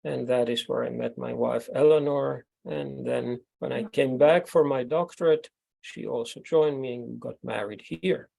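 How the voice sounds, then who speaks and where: A man, answering audience questions over a video call in a measured, factual way. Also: mid-range voice, creaky, dark tone, poor audio. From Greece. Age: 70s. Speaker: guest speaker.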